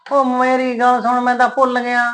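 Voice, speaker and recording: A lazy village mason man, as a woman acts him out, speaking with a Punjabi accent. His voice sits high and stays flat and unhurried, and he shrugs off every complaint with teasing ease. It is comic short-film acting. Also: close to an everyday voice. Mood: easygoing teasing. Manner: easygoing, teasing, brushes off complaints.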